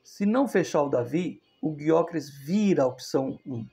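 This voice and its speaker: A man's voice: a little high, expressive, normal speed, gravelly, mellow, husky, faint music behind. A man hosting a casual football video, chatty and loose, often correcting himself mid-sentence. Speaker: football channel host.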